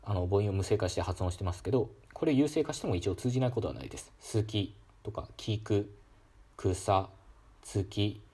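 A man giving a calm, casual educational talk on pronunciation, demonstrating sounds aloud with frequent fillers. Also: lowish voice, slightly rough. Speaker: solo talk host explaining linguistics.

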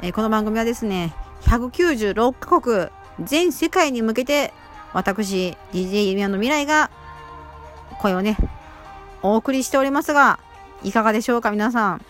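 A woman's voice: fairly high pitch, expressive, normal speed, faint music behind. Chatty woman hosting a solo radio-app show. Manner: chatty, rambling with fillers and self-deprecating asides. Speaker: amateur radio-app host. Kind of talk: casual solo talk show.

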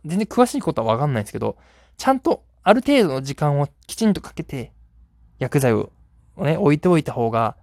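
Fast-talking man telling a rambling story. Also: mid-range voice, darkish tone, no room sound, studio quality. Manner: rambling and self-deprecating, with frequent "ne" tags. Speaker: podcast host. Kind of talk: casual solo storytelling monologue.

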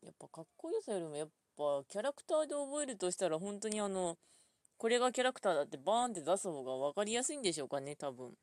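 A woman talking alone in a casual, rambling way, full of fillers, thinking aloud at her computer and drifting into quiet mumbles. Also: medium pitch, big pitch swings, racing, no room sound. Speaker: solo podcast host.

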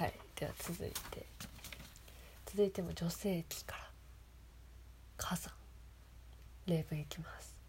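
A woman who whispers softly as she reads passages aloud and comments on them, giggling often. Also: on the low side, steady tone, takes it slowly, pauses often. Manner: soft whispering, frequent giggles. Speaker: host of a reading segment.

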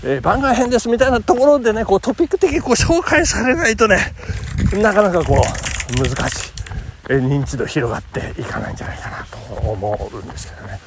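A man's voice: sits high, very animated, a little fast, noisy background. A man in his fifties hosting a casual solo talk show outdoors on a morning run. He speaks in a jokingly formal, chatty way. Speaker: podcast host.

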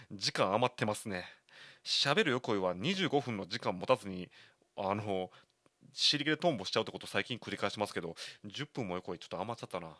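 Lively Kansai man in his thirties. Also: lowish voice, no room sound. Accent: Kansai Japanese. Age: 30s. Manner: candid, rambling storyteller. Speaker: podcast host. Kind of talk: solo talk monologue.

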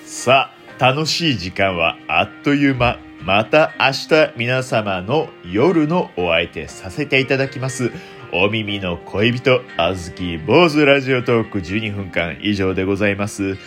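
Deep-voiced young man, swooping radio delivery. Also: expressive, fairly bright tone, faint music behind. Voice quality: deliberately low, deep voice. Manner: polite, formal announcer-like delivery with theatrical flourishes. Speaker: host of a solo internet radio show. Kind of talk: late-night radio talk in a put-on smooth announcer voice.

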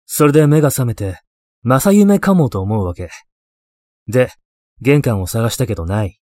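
Man reading as an eccentric deadpan occult mentor. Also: medium pitch, moderate pace, no echo, clean studio sound, lightly acted. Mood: wistful, matter-of-fact. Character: eccentric, obsessive male occult-loving mentor, deadpan and wistful. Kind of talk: ghost story reading.

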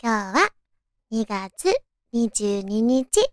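High, cute anime-girl voice, very animated woman. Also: very slow, no echo, studio quality. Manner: cutesy, girlish, expressive delivery. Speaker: radio show host. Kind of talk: solo radio-style chat, reading trivia with casual reactions.

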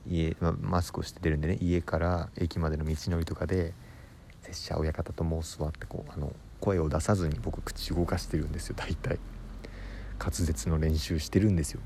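A man, a comedian hosting his own radio show, telling a rambling story in a casual solo monologue, mixing fast patter with drawn-out words. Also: a bass voice, flat delivery, creaky, dark tone, a little hiss or hum.

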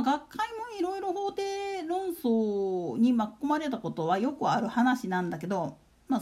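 A woman's voice: high voice, warm tone. A woman hosting a casual solo talk show, chatting and putting rhetorical questions to her listeners. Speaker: solo radio talk host.

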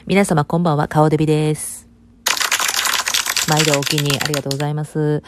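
A woman's voice: sits low, level tone, a little fast, very noisy. A woman from Kobe with a Harima Kansai dialect, chatting casually and playfully to her viewers as a vlogger, rambling into asides. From Kobe, Hyogo, Japan. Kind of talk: casual solo chat to camera.

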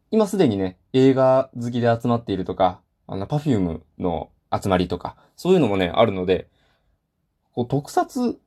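A man hosts his own solo talk show in a loose, rambling way, full of fillers and small self-deprecating asides. His voice sits a little low. He sounds like he is talking into a home podcast mic. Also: a little mellow. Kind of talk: casual solo chat.

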